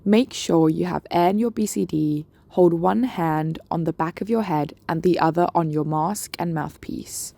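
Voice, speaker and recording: Creaky, mellow woman giving instructions. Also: lowish voice, normal speed, hardly any pauses, dry recording. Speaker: dive briefing presenter. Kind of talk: instructional video narration.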